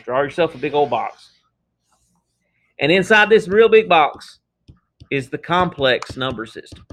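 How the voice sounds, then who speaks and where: A man's voice: fairly high pitch, lively intonation, a little slow, a bit bright. Casual male math teacher. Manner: casual, talks through examples with frequent "okay?" checks. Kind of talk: classroom math lecture.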